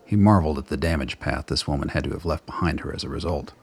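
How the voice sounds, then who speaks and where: An extremely deep voice, husky and gravelly with a darkish tone, carries this man's narration of a scripted radio drama. He tells the story in a measured, dramatic way.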